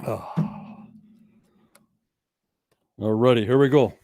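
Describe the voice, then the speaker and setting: A man's voice: mid-range voice, expressive, moderate pace, dark tone, no echo, clean studio sound. A man hosting a casual livestream trivia night, talking in folksy, rambling game-show patter.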